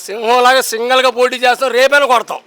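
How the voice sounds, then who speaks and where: Brief: young man, high bright voice, fast combative street-poll talk, handheld mic outdoors. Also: level tone, clean tone. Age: young adult. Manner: emphatic, combative, keeps repeating rhetorical questions. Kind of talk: impassioned political street talk.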